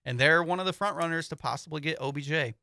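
Bright-voiced young man talking sports. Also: on the high side, fast talker, no echo, clean studio sound. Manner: easygoing, rambling with fillers. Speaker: sports show co-host. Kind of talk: casual sports talk. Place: small studio with foam panels. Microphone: studio mic on boom, headphones.

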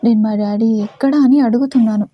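A woman voicing a frightened young woman who shouts tearful accusations. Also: on the high side, steady tone, fairly quick, no echo, highs cut off, lightly acted. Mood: angry crying. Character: frightened young woman, captive, pleading then defiant.

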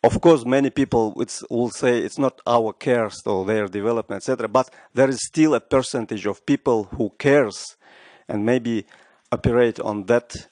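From the floor of a large conference room, an earnest middle-aged man puts a question, his phrasing non-native and his hands moving as he speaks. He has a medium-pitched, darkish voice at normal speed, and the desk mic recording, made while he wears a headset, has no echo.

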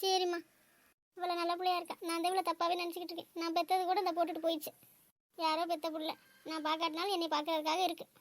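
A fretful, ailing old mother-in-law, as a woman voices her in a home-made cartoon, squeaky and very high. She talks quickly and on one flat, pleading note. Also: no room sound. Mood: remorseful. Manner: plaintive, pleading tone.

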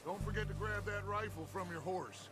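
An actor playing a commanding, persuasive American outlaw gang leader in a Western video game, with a gravelly, theatrical, emphatic delivery. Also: male voice, high voice, moderate pace, noisy background, natural voice. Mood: calm, commanding.

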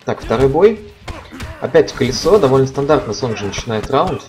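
A man's voice: medium pitch, expressive, moderate pace, darkish tone. A man giving live commentary on a fighting game stream, as a stream commentator. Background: game music and sound.

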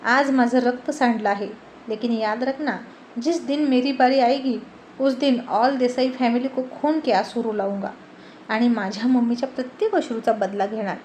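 A woman's voice: on the high side, fairly even intonation, moderate pace, a little mellow, a little hiss or hum, natural voice. A woman voicing a wounded young man who hides a bitter wish for revenge. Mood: vengeful. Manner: humble outwardly, bitter underneath.

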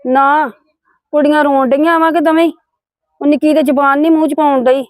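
A woman's voice: sits high, steady tone, brisk, no echo. An older woman with a Punjabi accent playing a worried mother-in-law, rambling on the phone. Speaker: actor in a family drama. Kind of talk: village family drama acting.

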